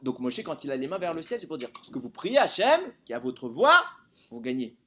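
Animated man teaching a Torah lesson. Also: fairly high pitch, a little fast. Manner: animated, quizzes listeners with rhetorical questions. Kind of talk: live Torah lesson to a group.

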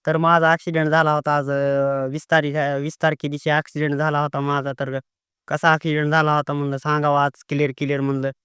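A man's voice: fairly high pitch, a bit bright, clean tone, no echo, clean studio sound. A man, telling a story at length in a casual vlog, circling back and repeating himself. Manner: rambling and repetitive, retelling events with many restarts. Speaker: vlogger.

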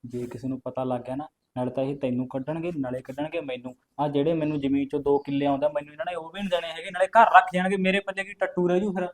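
A man playing a hushed, scheming young villager. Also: fairly high pitch, flat delivery, racing, few pauses, lightly acted. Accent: Punjabi. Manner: pleading, hushing, urgent. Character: scheming young man hiding a secret marriage. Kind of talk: rural village drama acting.

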